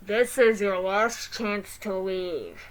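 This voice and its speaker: A woman voicing a menacing mall security robot that speaks slowly and formally. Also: mid-range voice, lightly acted, low-quality recording. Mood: cold warning. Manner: slow, stiff, polite but threatening.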